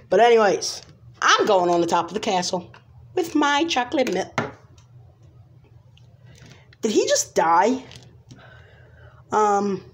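A woman acts out a home toy play, giving each figure a voice as she goes. She talks slowly, rambling and stopping to restart her lines. Her pitch sits in an ordinary middle range. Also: sing-song, noisy background. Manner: rambling and hesitant, many pauses and restarts. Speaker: toy video creator voicing all characters.

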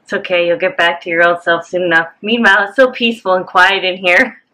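A woman's voice: on the low side, steady tone, brisk, pushed and bright. A woman co-hosting a vlog in casual chat, upbeat and teasing. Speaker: channel co-host.

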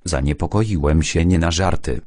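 A man reading a first-person novel as an audiobook, with steady, even storytelling. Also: very deep voice, moderate pace, no echo, clean studio sound. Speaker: audiobook narrator.

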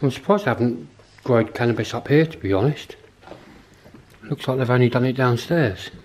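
A man's voice: mid-range voice, normal speed, darkish tone, a little hiss or hum. A man giving casual, offhand walkthrough commentary as he explores an abandoned pub, recorded on a handheld camera mic while walking. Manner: chatty, offhand, thinking aloud. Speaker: urban explorer vlogger.

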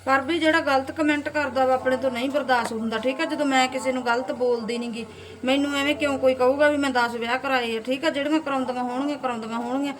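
A woman's voice: sits high, fairly even intonation, quick pace. A middle-aged woman with a Malwai Punjabi accent, vlogging from home and scolding rude commenters. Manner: indignant, scolding, rhetorical. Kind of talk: casual talk to camera.

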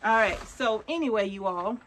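A woman's voice: mid-range voice, expressive, normal speed, fairly bright tone, slight background noise. A middle-aged woman, chatting casually to viewers as she shows around her barn, checking in with them often. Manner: chatty, addresses viewers directly with frequent check-ins. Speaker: homesteader vlogger. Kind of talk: casual show-and-tell vlog. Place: open wooden barn outdoors. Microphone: phone at arm's length.

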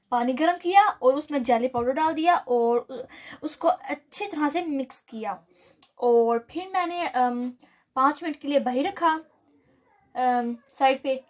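Slow-talking high-voiced woman cooking host. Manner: unhurried, explaining each step with frequent hesitations. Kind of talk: home cooking tutorial narration. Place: home kitchen.

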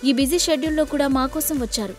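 A woman's voice: high voice, quick pace, faint music behind, close to an everyday voice. A woman voicing a stern elderly grandmother who heads a wealthy family, speaking formally and guardedly.

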